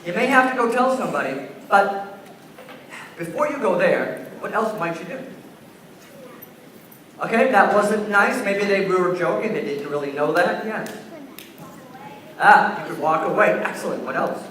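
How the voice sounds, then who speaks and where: A man's voice: sits high, expressive, measured pace, long pauses, a bit bright, very echoey, a little hiss or hum. A man presenting a school assembly to young children, telling a story and asking the kids questions, recorded in a large gym by a far-off camera. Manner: asks the children questions and takes answers.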